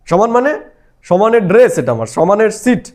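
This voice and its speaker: A man's voice: high-pitched, very animated, normal speed, darkish tone. A man explaining a devotional lesson as a spiritual teacher, talking patiently and often checking whether his listeners follow. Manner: explains patiently, asks listeners rhetorical questions.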